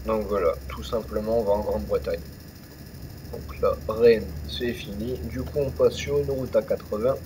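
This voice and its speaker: A man's voice: lowish voice, steady tone, normal speed, dark tone. Rambling young man, noisy home mic. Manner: rambling, hesitant, many fillers and restarts. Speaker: gaming youtuber. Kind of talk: casual let's-play commentary.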